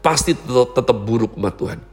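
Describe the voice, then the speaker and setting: A man preaching a sermon in an animated way, acting out quoted voices. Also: medium pitch, fast, husky, faint music behind. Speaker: pastor.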